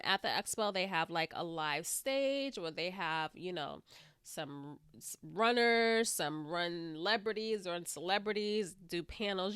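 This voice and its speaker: In a relaxed solo monologue, a female podcast host wanders from thought to thought, full of "like" and "you know," her voice a little stuffy. The pitch is medium and the tone fairly bright, clear and resonant, in a clean studio with no room sound.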